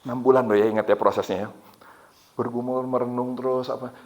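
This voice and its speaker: A man preaching a sermon, telling a personal story with animated swings between loud and soft talk. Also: medium pitch, fairly quick. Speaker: pastor.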